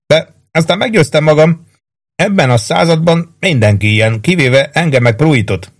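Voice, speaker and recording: A brash young soldier gambler, needling and boastful, voiced by a male narrator. The voice sits noticeably higher and pushier than the narration, in a lively audiobook character read.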